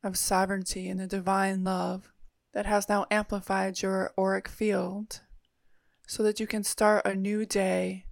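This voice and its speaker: A woman guides a meditation in a soothing, unhurried way, leaving long pauses between phrases. Her voice stays level and has a gravelly fry in it. The recording is close and dry. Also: mid-range voice, little pitch movement, no room sound.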